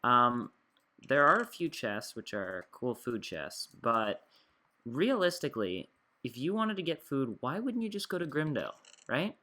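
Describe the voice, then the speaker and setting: A man's voice: medium pitch, very animated, a little slow, sharp tone. A young man giving rambling, chatty gameplay commentary as a gaming channel host, full of fillers. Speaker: gaming YouTuber.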